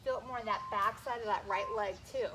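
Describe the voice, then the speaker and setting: A woman's voice: mid-range voice, fast talker. A woman coaching a workout as an aerobics instructor, encouraging and counting down while she exercises along. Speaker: fitness instructor. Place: outdoors in a backyard garden. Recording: noisy outdoor recording with ambient sound.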